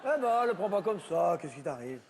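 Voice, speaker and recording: A man's voice: high-pitched, very animated, moderate pace, gravelly, big-room sound, slight background noise. A man performing a comedy sketch on stage, bickering sarcastically with unseen family members over a board game. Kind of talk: stand-up sketch, one-man show.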